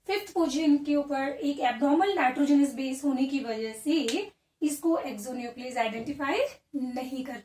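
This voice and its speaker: A woman's voice: sits high, darkish tone. A woman teaching biology, who explains step by step and asks and answers her own questions. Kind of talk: classroom lecture. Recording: roomy echo, a bit far from the mic.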